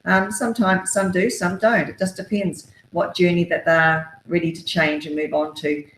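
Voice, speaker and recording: Encouraging woman, lowish voice. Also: level tone, moderate pace, slight background noise. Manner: upbeat, encouraging, many fillers. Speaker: author and guest. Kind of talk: motivational self-help talk. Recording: roomy echo.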